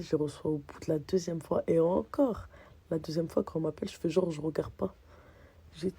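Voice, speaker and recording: A young woman vlogging to her phone, ranting bluntly in slangy casual chat with a low, deep voice, often dropping to a whisper. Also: warm tone, slight background noise. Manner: blunt, ranting, slangy, addresses "les filles".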